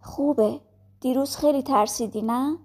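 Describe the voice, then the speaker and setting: A woman voicing a kind male country doctor who asks soft, gentle questions in a storybook reading. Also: high-pitched, husky.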